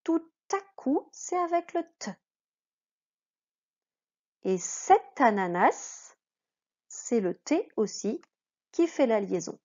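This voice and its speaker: A woman's voice: a little high, very animated, slow pace, pauses often, darkish tone. A woman teaching a reading lesson to children, patient, drawing out each example word. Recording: dull lo-fi sound.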